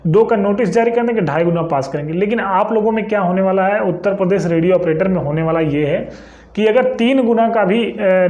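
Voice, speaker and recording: A young adult man who presents exam information on YouTube talks informally to viewers in a high voice with a darkish tone. He keeps it conversational, frequently dropping in short tags to check understanding, and the room sounds echoey.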